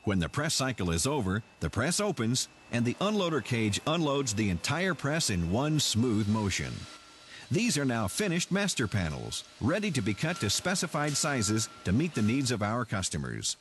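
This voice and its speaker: Man narrating an industrial tour, lively pitch. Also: normal speed, a little hiss or hum.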